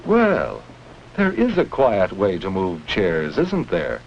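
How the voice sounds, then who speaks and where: A deep-voiced man narrates a 1950s educational film for children, using simple instructive phrases and leading questions. He takes it slowly, creaky and with huge swings in pitch. The noisy, band-limited soundtrack of the period leaves the recording muffled.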